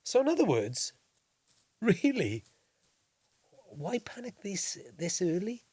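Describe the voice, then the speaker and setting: A man hosting a football podcast, measured and pausing with filler sounds as he weighs his view. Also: high-pitched, wildly swooping pitch, a little mellow, slightly rough, no echo. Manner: measured, thinks aloud with many "uh"s. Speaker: podcast host, commentator. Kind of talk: casual football chat.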